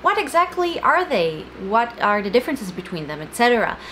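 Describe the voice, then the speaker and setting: Young woman doing a book explainer vid, kinda high voice, emphatic, bit of fan noise in the room. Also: very animated, a little fast, sharp tone. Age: young adult. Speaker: book channel host. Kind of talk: educational explainer to camera. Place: small indoor room with bookshelves. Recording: fan hum in the background. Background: electric fan noise.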